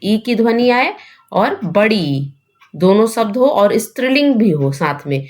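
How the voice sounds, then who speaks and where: A woman teaching a grammar lesson for exam preparation, explaining step by step and posing questions she then answers herself, often adding a quick tag question. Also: medium pitch, sing-song, darkish tone.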